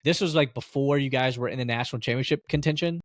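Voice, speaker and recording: A man's voice: mid-range voice, quick pace, dry recording. Chatty sports podcast co-host man, dry sound. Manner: chatty, storytelling, laughs easily. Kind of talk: casual sports chat.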